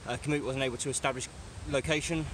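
A man's voice: medium pitch, steady tone, fast talker. A young English man talking casually to a camera on his bike outdoors, out of breath from the climbs. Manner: chatty, breathless between climbs. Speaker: cycling vlogger. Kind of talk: casual vlog talk to camera. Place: outdoors on a bike on country lanes. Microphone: action camera on the bike, close. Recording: wind and road noise behind.

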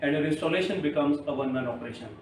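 A man's voice: on the high side, rapid-fire, a little mellow, a little hiss or hum. A man with an Indian English accent presenting tools on a construction site in a persuasive way. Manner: persuasive, keeps recommending. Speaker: product presenter. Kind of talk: on-site product demo chat. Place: construction site, then service center. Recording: echoey site from a distance.

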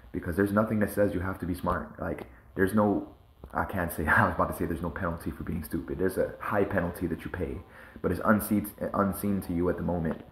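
A man's voice: sits low, echoey room, slight background noise, low-quality recording. A man musing casually in a loose, slang-heavy monologue full of fillers. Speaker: vlogger.

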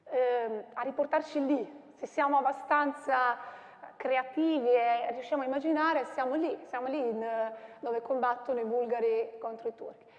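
A woman lecturing on sound poetry, then performing it aloud with shouted sound words and laughter. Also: high-pitched, steady tone, moderate pace, muffled recording. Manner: explains softly, then recites with shouts, onomatopoeia and laughter. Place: large university lecture hall. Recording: echoey hall reverb.

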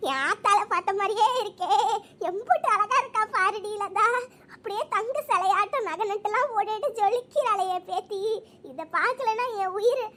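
A woman's voice: extremely high pitch, normal speed, sharp tone. A woman voicing a doting old village grandmother in a cartoon, with a fussing, sing-song way of talking.

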